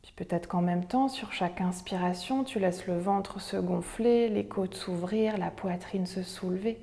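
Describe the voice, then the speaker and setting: Slow, soft woman guiding breathwork, long reverb. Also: mid-range voice, creaky. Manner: soothing, measured counting and instructions. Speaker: breathing and yoga instructor. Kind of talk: guided breathing meditation.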